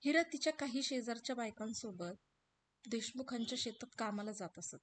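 A woman reading a story aloud in a soft, measured narrating voice. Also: a little high, expressive.

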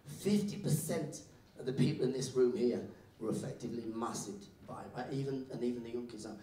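A man performing live stand-up comedy, telling stories and acting out the people in them. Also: a little fast. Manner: animated storytelling, acting out characters. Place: live comedy venue with audience. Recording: roomy venue, mic picked up from a distance, faint rumble.

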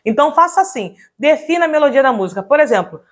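A woman's voice: high voice, lively intonation, quick pace. A woman giving an upbeat online singing lesson as a vocal coach, often checking in with her viewers.

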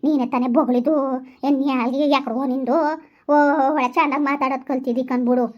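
Woman as a fiery village wife, rapid high scolding, lo-fi sound. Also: fairly even intonation, natural voice. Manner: cursing, scolding tirades. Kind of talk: comic village skit. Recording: dull lo-fi audio.

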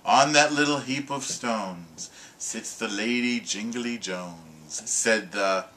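A man reciting a humorous poem aloud with his child, in a rhythmic, sing-song way with lively emphasis. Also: fairly low pitch, slow pace, a little hiss or hum. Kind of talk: expressive poetry reading.

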